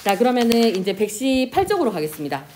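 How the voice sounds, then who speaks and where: A woman teacher giving a classroom lesson, asking questions and answering them herself, and drawing out example words slowly. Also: a little high, slight background noise. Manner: lively, pronounces example words slowly and drawn out. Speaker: Korean language teacher. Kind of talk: classroom lecture.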